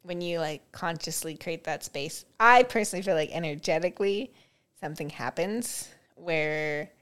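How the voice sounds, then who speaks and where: A woman's voice: low-pitched, normal speed. A woman hosting a podcast, chatting casually and thinking aloud in a reflective way. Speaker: podcast host.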